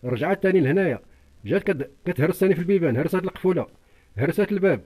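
A man's voice: high voice, expressive, rapid-fire, darkish tone. An older man with a Moroccan accent giving an urgent, repetitive, pleading account as an interviewee. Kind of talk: distressed eyewitness account.

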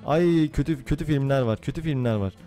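A young man giving excitable let's-play commentary on a game, laughing and swearing often. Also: mid-range voice, a little fast, faint music behind. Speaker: gaming YouTuber.

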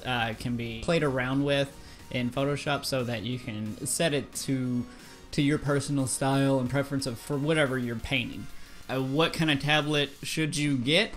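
A man teaching a beginner's digital painting lesson in a casual, rambling way, joking at his own expense and often stumbling over his words. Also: fairly high pitch. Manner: self-deprecating, distracted, stammers and restarts; yells at noises in outbursts. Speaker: online art teacher.

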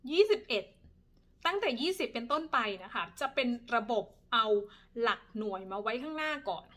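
A woman in her thirties teaching pronunciation politely, repeating each word several times. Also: on the high side. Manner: polite, ends phrases with soft particles. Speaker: language teacher. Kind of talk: pronunciation lesson.

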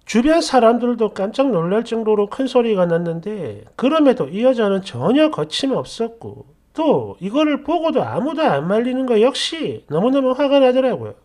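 A woman's voice: on the high side, mellow. A woman narrating a first-person workplace story in a chatty, indignant, confiding way.

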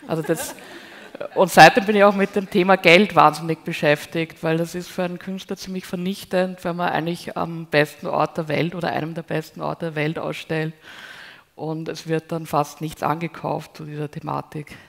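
Woman with a gravelly, flat voice. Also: deep voice, moderate pace. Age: 40s. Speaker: artist guest. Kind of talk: panel discussion. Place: large hall with audience. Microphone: handheld mic.

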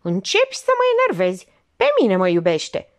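A woman reading an audiobook, voicing a jealous, hot-tempered young mistress who speaks in sharp, indignant bursts. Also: on the high side, sing-song, voice pushed up. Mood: angry.

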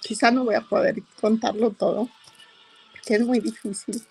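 A middle-aged woman giving an emotional personal testimony, telling her story slowly with hesitations. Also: a little high, fairly even intonation, gravelly, a little mellow, husky, soft background music. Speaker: interviewee.

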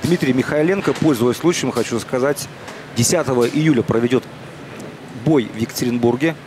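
A man's voice: medium pitch, a little fast, noisy background. A man giving conversational live boxing commentary, chatting with a colleague.

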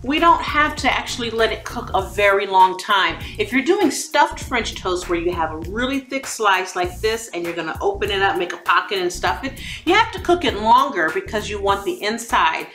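Lively, bright-voiced woman cooking on camera. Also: medium pitch, moderate pace, few pauses. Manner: chatty, encouraging, laughs between steps. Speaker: cooking show host. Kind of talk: cooking demonstration. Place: home kitchen, indoors. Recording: echoey kitchen with soft background music.

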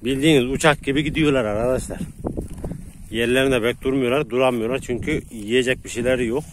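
A man casually talking to viewers while herding sheep with his dogs outdoors, laughing often and calmly calming the dogs. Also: mid-range voice, quick pace. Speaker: shepherd vlogger. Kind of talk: casual outdoor vlog narration. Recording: outdoor noise, wind and animals.

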